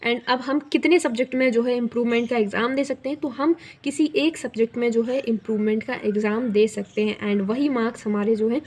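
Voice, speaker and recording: A woman's voice: fairly high pitch, fairly quick, hardly any pauses, a little mellow, slightly rough. Young woman explaining college procedures. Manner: conversational, many fillers, mixes English words into Hindi. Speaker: student guidance youtuber. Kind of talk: explainer video.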